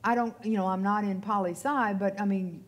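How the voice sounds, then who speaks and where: An older woman talks on a discussion panel, conversational and thinking her points through aloud. Her pitch sits in a middle range for a woman. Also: steady tone, a little fast. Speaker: librarian and archivist on a panel. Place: event hall with audience.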